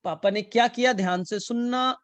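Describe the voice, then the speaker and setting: A man's voice: very high-pitched, moderate pace, a bit bright. A male teacher gives a biology lecture in a playful, storytelling manner. He acts out a father and a child who is scared of school, keeps repeating key phrases, and slips in English terms. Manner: mixes English terms into Hindi. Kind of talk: classroom lecture with analogies.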